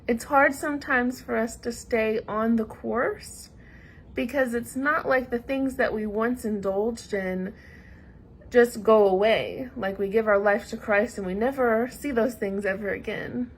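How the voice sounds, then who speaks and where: Southern woman giving a sermon, slow and earnest, a bit high voiced, faint hiss behind. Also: rough recording. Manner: measured, earnest delivery with pauses. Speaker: preacher.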